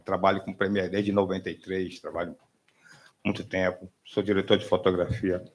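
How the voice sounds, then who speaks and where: A middle-aged documentary filmmaker from northern Brazil, introducing himself in a chatty way and checking in with tag questions. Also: male voice, deep voice. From Belém, Pará, northern Brazil. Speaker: documentary filmmaker speaking from the floor. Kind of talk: casual spoken introduction.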